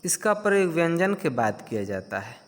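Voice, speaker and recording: A man's voice: on the high side, sing-song. A male teacher giving a grammar lesson to children, patiently asking questions and answering them himself. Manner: slow, patient explaining. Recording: long hall reverb.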